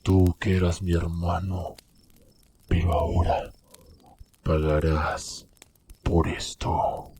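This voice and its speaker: A bitter, delirious young man, acted by a male storyteller in a horror tale. He speaks very slowly and low, halting and repeating accusations, slipping into harsh whispers over a noisy recording. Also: level tone, dark tone. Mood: bitter, accusing.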